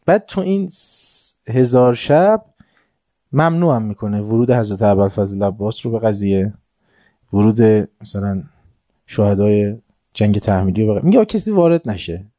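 A man with a fairly low, dark, mellow voice lectures on faith to a seated audience. He retells stories with quoted dialogue and recited Arabic. He drops to quiet asides and then rises into emphatic points. The sound is close and dry. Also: expressive, no echo. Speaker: religious lecturer. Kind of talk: religious lecture with storytelling. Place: room before a seated audience.

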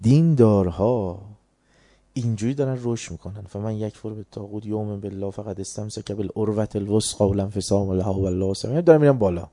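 Emphatic preacher with a warm, low voice. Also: male voice, dry recording. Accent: Tehran Persian. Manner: swings from hushed storytelling to loud emphatic preaching. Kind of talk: sermon.

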